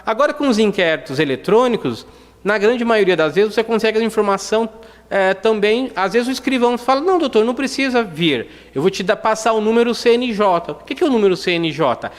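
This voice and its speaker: A man's voice: sits high, expressive, a little fast. A man lecturing as a criminal defense lawyer, conversational and full of "né?" tags as he acts out little dialogues. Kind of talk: lecture with anecdotes. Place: lecture hall. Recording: long hall reverb.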